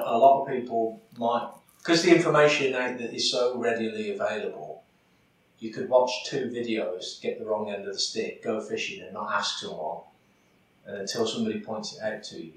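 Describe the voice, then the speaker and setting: A man's voice: lowish voice, steady tone, brisk. A man chatting casually about fishing, full of fillers and restarts. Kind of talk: casual chat about angling. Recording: echoey, far from the mic, faint background noise.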